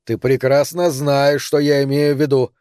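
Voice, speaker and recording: A man reading an audiobook, voicing an angry younger man who shouts at his mother. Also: a little high, moderate pace, no room sound, clean studio sound, lightly acted. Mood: furious. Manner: shouting in anger. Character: angry younger man, hot-tempered stepfather.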